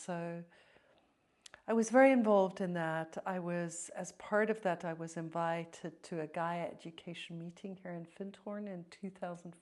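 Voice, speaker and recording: A middle-aged woman from South Africa talks slowly and reflectively as an interview guest, with a fairly low voice. Now and then her words fall away to a near-whisper. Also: darkish tone. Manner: slow, thoughtful, drops to near-whisper at times.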